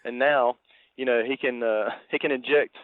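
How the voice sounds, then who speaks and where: A man co-hosts a podcast, casually chatting about a film in an easygoing way and leaning heavily on fillers like "you know." His mid-range voice has fairly even intonation and a normal pace, recorded dry on a tinny, phone-like line.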